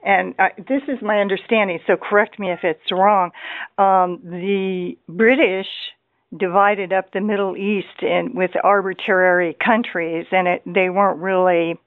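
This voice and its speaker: A woman's voice: medium pitch, fairly even intonation, unhurried, no echo. Curious woman host on a dry phone-like line. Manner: curious, asks many follow-up questions. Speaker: radio show host. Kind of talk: radio interview. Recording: dry, phone-like narrow band.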